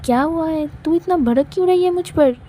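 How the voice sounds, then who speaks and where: A woman's voice: very high-pitched, brisk, warm tone, pitched above the performer's own voice, rough recording. A woman storyteller voicing Neha, a playful young woman who teases her best friend. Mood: teasing. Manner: teasing, playful.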